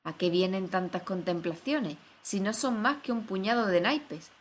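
A woman's voice: mid-range voice, normal speed, natural voice. Woman narrator doing a well-mannered girl who stands her ground, voice lifted a little. Storybook audio. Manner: polite, firm when challenged. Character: polite but bold young girl. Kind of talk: storybook reading.

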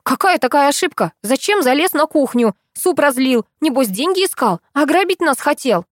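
A woman reading an audiobook voices a feisty young heroine who scolds and snaps, her pitch leaping all over the place. Her voice sounds fairly high. The recording is dry and close. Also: lively intonation, normal speed, no room sound. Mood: scolding. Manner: sharp, scolding, shouting. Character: bossy feisty young woman, quick to fight.

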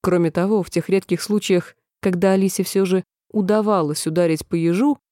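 Brief: woman audiobook narrator, mellow dark tone, dry close mic. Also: on the low side, no room sound. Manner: calm, measured reading with voiced characters.

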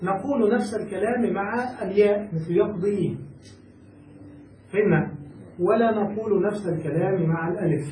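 A man's voice: high-pitched, mellow. A man teaching an Arabic grammar lesson, explaining step by step and often asking whether the class has understood. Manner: explains step by step, checks understanding with quick questions. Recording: echoey room, voice from a distance, faint background noise.

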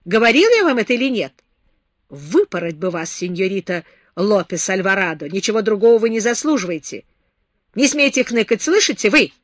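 Brief: woman doing a stern, mocking grown man, sharp and lecturing, loud and dry. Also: medium pitch, sing-song, fairly quick, no echo. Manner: harsh, sarcastic, lecturing. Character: stern scornful man scolding a drunk girl.

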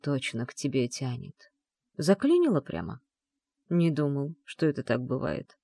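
A woman's voice: low voice, sing-song, a little fast, a little mellow, dry recording, studio quality, heavily acted. A woman voicing a cocky, teasing young male dragon in an audiobook, with a mocking, playful manner. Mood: tender. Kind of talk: audiobook character voice.

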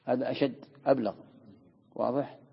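A man's voice: mid-range voice, level tone, moderate pace, gravelly, husky. A man teaching a classroom Quran commentary lesson, asking and answering his own questions. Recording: dull lo-fi recording in a reverberant hall.

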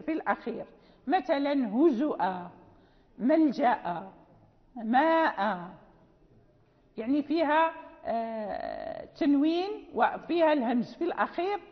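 A woman's voice: high voice, long reverb tail, muffled recording. A woman teaching Quran recitation rules, explaining patiently and repeating key points. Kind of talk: recorded lesson.

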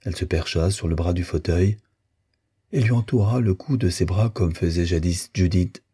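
Deep-voiced man narrating an audiobook. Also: moderate pace, warm tone, husky.

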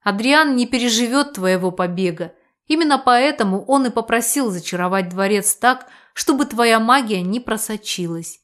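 A woman's voice: on the high side, expressive, moderate pace, close to an everyday voice. A woman reading an audiobook, voicing a confident, teasing head witch.

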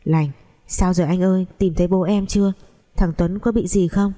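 A woman's voice: lowish voice, steady tone, normal speed, dark tone, natural voice. A woman voicing a worried young woman, an older sister who talks in an anxious, pleading way.

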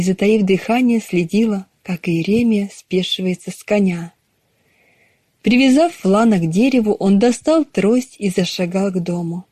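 Dark-toned woman reading an audiobook. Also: medium pitch, no room sound. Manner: measured storytelling, even reading. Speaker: audiobook narrator. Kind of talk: scripted narration.

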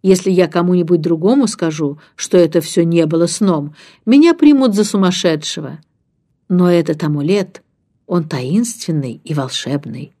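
Dreamy, grateful gentleman scholar from a storybook, low and mellow, a woman reads him with a soft hush. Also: normal speed, natural voice. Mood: wistful.

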